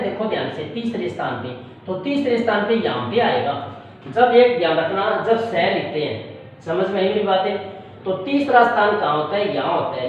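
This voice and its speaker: A high-voiced man teaches shorthand in a patient, repetitive way, often pausing to check that the class follows. He sounds distant and very echoey, with a dull tone and a faint hiss behind him. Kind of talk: classroom-style tutorial.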